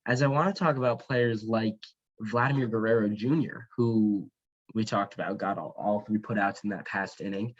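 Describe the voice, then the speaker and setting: A man's voice: lowish voice, moderate pace, husky. A man giving baseball play-by-play commentary in a conversational, explanatory broadcast manner. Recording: dull, lo-fi sound.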